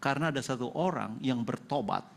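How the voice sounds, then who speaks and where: A middle-aged man preaching a sermon as pastor in a church, who often jumps to loud, high-pitched emphasis and puts questions to the congregation. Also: brisk, vocal fry. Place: church hall.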